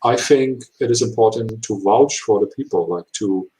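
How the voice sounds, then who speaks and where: A man of 39 who is not a native English speaker gives interview answers in halting, imperfect English full of hesitations. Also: on the low side, mellow, a little hiss or hum, low-quality recording. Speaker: HR professional being interviewed.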